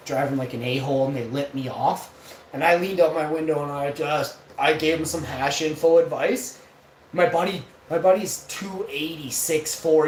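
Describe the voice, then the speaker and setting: A man's voice: on the high side, a little mellow. A man in his forties telling a rambling, profane story in a casual vlog. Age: 40s. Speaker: vlogger host. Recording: roomy, distant mic, faint noise.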